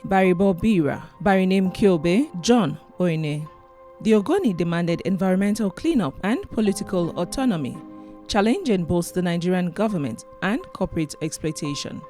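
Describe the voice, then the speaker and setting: A woman narrating a documentary in a solemn, clear and expressive scripted style. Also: fairly low pitch.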